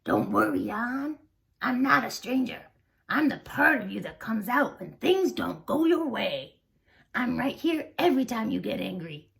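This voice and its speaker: A hairy red anger creature from a children's storybook, friendly and coaxing, as a woman reads him aloud. He reassures in a slow, lilting voice. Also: on the high side, big pitch swings, creaky, a bit bright, heavily acted. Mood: reassuring.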